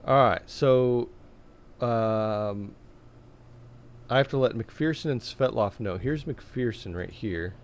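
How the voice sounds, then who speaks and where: Hoarse-ish casual game streamer man. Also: mid-range voice, slow pace, pauses often, a little hiss or hum. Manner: casual, chatty, laughs often, reads dialogue in plain voice. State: losing his voice, coughing. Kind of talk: live game playthrough, reading dialogue aloud.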